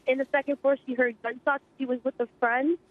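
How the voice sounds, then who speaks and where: A woman's voice: sits high, level tone, dry recording. Shaken teenage girl on a phone line. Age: teens. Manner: rapid, shaken recounting. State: in shock. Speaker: eyewitness student. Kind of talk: phone interview.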